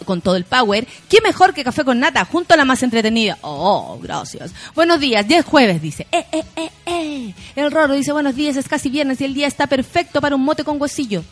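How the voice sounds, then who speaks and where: A woman's voice: high-pitched, a bit bright. A Chilean woman hosting a morning radio show, chatting casually and reading listener messages aloud. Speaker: radio host.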